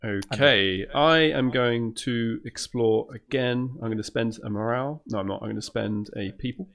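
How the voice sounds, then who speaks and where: A man playing a board game with friends, mumbling and narrating his own moves out loud. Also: medium pitch, normal speed, creaky. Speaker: player in a board game session. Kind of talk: casual gaming chat over voice call.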